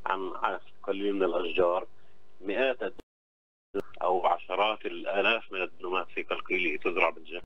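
Fast, low-voiced Palestinian man on phone. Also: steady tone. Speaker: phone-in guest, agriculture official. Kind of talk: interview answers, explaining. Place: on the phone to a radio studio. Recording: dull phone line with clear hum.

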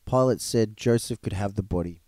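Mellow-voiced man reading a story aloud. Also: fairly low pitch, no room sound. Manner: unhurried storytelling with occasional slips and restarts. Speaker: reader of a storybook gospel.

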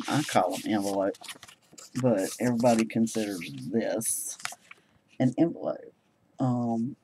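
A man's voice: mid-range voice, dark tone, slight background noise, rough recording. A man casually showing his handmade cards, rambling and hesitant with many ums. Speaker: crafting vlogger. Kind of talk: casual show-and-tell chat.

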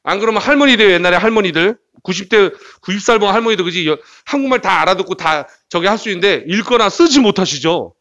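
A man teaching English pronunciation in a lively, joking lecture style, jumping from loud bursts to quiet asides. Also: sits high, fast, few pauses. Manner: playful, jokey, swings between loud bursts and quiet asides. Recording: dull lo-fi lecture recording.

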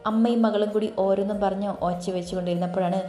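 Woman, audiobook narrator, steady storytelling, roomy echo, faint music. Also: medium pitch, quick pace.

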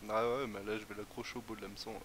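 A man's voice: on the low side, flat delivery, very fast, fairly bright tone, slight background noise. A laid-back man chatting casually with friends while gaming, swearing now and then. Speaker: gamer. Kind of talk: casual group chat over voice call.

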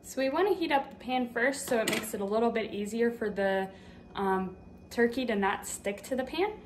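A slightly high-voiced young woman speaks at normal speed as she casually shows a recipe in her home kitchen, explaining each step with plenty of fillers. There's a little hiss or hum, and the far tripod camera makes the audio roomy and distant.

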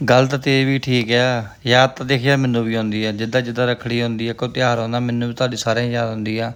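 A man's voice: mid-range voice, level tone, quick pace, clear, resonant tone. A man playing a brother on a call from abroad in an amateur short film, reassuring and homesick.

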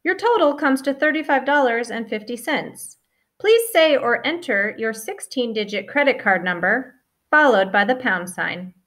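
A woman voicing recorded pharmacy phone prompts in a polite, measured way. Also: a little high, animated, a bit bright. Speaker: automated phone menu voice.

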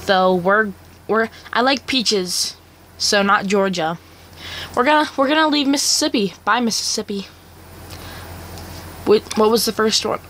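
A woman's voice: mid-range voice, measured pace, long pauses, fairly bright tone, a little hiss or hum. A teenage girl from Kansas chatting casually while she takes an online quiz, rambling, correcting herself and giggling often. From Kansas, USA. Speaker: vlogger.

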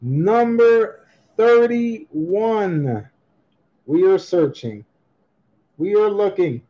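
Slow, mellow livestream coin auction host. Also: male voice, high voice, animated. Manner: upbeat, reads chat comments aloud and laughs often. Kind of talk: casual livestream chat. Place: indoor room at a table with coins, voice off camera. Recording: slightly dull lo-fi webcam audio.

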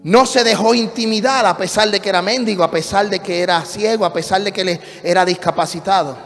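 High, gravelly male pastor preaching. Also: fairly quick. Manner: swings between shouted refrains and hushed teaching. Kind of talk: passionate Spanish sermon. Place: church sanctuary. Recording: reverberant church hall with music.

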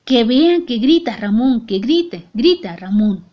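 A woman reading aloud, voicing a frantic village mother who begs her husband to shout. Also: fairly high pitch, lively intonation, a little slow, lo-fi sound, pitched above the performer's own voice. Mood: pleading urgency. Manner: pleading, urgent.

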